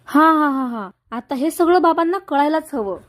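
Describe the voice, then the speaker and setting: A woman's voice: expressive, moderate pace. A woman voicing an angry, scheming young woman who hurls accusations at the man she was to marry. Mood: furious. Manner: shouting accusations, high and sharp. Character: furious scheming young woman, fiancée betrayed.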